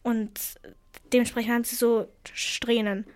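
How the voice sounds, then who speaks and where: A teenage girl from Afghanistan talks in a relaxed, casual chat. Her voice sits a little high, and she tells her stories in an animated, indignant way. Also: moderate pace. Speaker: student talking about school.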